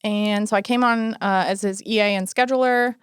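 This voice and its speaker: A woman's voice: medium pitch, normal speed, clear, resonant tone, no room sound, clean studio sound. A woman in her early thirties, a guest in an interview, telling her story in a casual way and acting out quoted remarks along the way. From Alaska, United States. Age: 30s. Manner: storytelling, animated quoted asides. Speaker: guest, city housing and homelessness coordinator.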